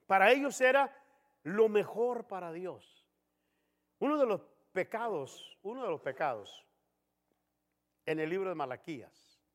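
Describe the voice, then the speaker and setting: A man preaching a sermon as pastor in a church, animated, acting out the voices of people in his examples. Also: high-pitched, unhurried, pauses often, big-room sound. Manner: animated, acts out dialogue voices.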